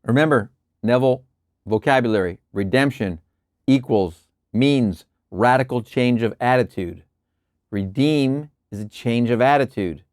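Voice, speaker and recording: Man, mid-pitched voice, measured reading, relaxed asides, dry close sound. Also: no room sound. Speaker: host reading and explaining lectures. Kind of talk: reading aloud with casual commentary.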